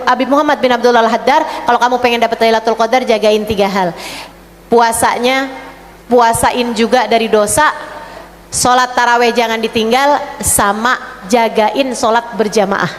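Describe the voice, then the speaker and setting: A woman preacher giving an animated sermon to women, acting out her listeners' voices and gulping sounds for effect. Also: a little high, big-room sound. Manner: animated, acts out the audience's voices and mimics gulping. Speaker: Islamic preacher. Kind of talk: lively sermon to a women's audience.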